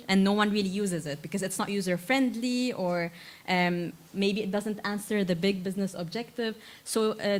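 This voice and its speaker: A woman in her thirties from Lebanon, giving a conference talk to students and filling her speech with uh and um as she restarts phrases. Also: medium pitch. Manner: frequent uh and um fillers, self-correcting restarts. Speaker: invited tech speaker.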